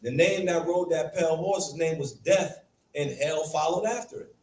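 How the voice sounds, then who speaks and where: A man's voice: a little high, normal speed, darkish tone, a little hiss or hum. A man teaching a Bible class, emphatic and throwing rhetorical questions at his students. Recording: echoey room from far off, faint ambience.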